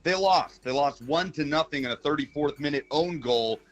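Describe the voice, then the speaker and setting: A man's voice: on the high side, normal speed. A man from Brazil, a regular on a sports talk show, calling in over a phone line and chatting in a wry, earnest way. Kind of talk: casual sports radio chat.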